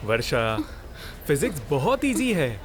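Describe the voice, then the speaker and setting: A man's voice: fairly high pitch, big pitch swings, a little slow, slight background noise. An actor dubbing a helpful young male student who reassures a classmate. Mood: reassuring. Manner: reassuring, soft. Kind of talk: Hindi film dubbing.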